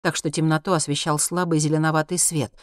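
A man narrating a science fiction audiobook in a steady, even storytelling voice. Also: on the high side, brisk, no echo, studio quality.

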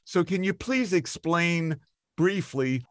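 A man's voice: a little high, expressive, takes it slowly, a bit bright, no echo. A man hosting an interview podcast, asking questions with open enthusiasm. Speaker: podcast host.

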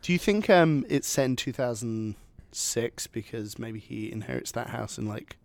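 A man co-hosting a casual film chat, often laughing and trailing off mid-thought. His mid-range voice carries a gravelly fry. The sound is dry and close. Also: medium pitch, animated, normal speed, no echo. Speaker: podcast co-host.

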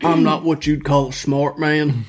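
A woman's voice: sits low, steady tone, unhurried. A woman co-host in casual chat, with a playful, bantering way of talking.

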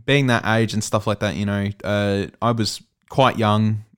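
Australian male podcast co-host, late twenties, rambling easy chat, slightly low voice. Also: steady tone, unhurried, a bit bright, smooth. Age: 20s. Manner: laughs easily, rambling with fillers. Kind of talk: casual chat.

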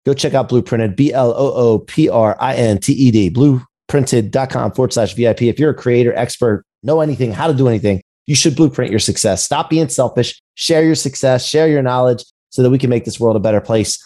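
Fast-talking motivational podcast host guy. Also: medium pitch, dark tone. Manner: motivational entrepreneur talk, full of business buzzwords. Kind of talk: conversational business podcast interview. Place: recorded over a video call.

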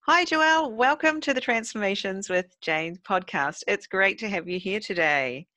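A woman's voice: medium pitch, expressive, normal speed, no echo. A middle-aged woman hosting a casual podcast interview from home, chatty and full of fillers. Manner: chatty, warm-voiced with many fillers. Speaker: podcast host.

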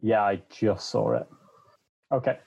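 Low husky man at a game table. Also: fairly even intonation, a little slow, a little mellow, lo-fi sound. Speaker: tabletop role-playing game player. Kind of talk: casual game-table chat.

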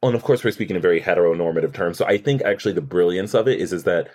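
A man's voice: low-pitched, rapid-fire, darkish tone. A man co-hosting a podcast, chatting and picking apart a TV episode with lots of restarts and quoted dialogue. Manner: chatty, analytical, many restarts and quoted lines. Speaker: podcast co-host. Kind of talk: casual chat recapping a TV episode.

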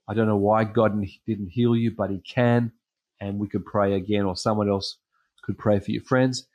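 A man preaching a sermon, telling personal stories in a halting way with frequent pauses and ums. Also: lowish voice, darkish tone. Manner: hesitant storytelling with frequent ums.

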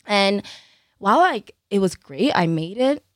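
A young woman from Cameroon, a podcast guest telling her life story in a lively way, laughing often and checking in with "right?". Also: medium pitch, measured pace, dry recording, clean studio sound. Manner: animated, laughs often, tag questions. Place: podcast studio.

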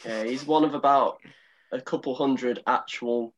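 A man's voice: mid-range voice, steady tone, unhurried, rough recording. A man bantering on a podcast in a jokey, needling way. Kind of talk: casual podcast chat.

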